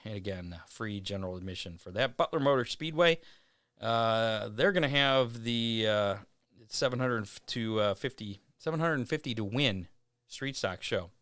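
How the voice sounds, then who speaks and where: Low-voiced man reading racing schedules. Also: a bit bright, no room sound, studio quality. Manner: reads schedules with frequent "uh" pauses. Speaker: racing show host. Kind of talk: casual racing news rundown.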